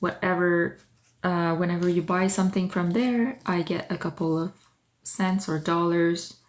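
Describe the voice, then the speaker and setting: A French-native artist chats on a livestream as she works in her studio, welcoming viewers by name and voicing her thoughts. She speaks a little slowly, at a fairly low pitch and in a steady tone.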